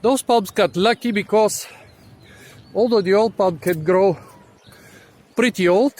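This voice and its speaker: Slow, breathless man vlogging on a walk. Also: high-pitched, a little mellow, slight background noise. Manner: unhurried, thinking aloud with pauses and restarts. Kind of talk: casual walking vlog narration. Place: outdoors in a tropical botanic garden.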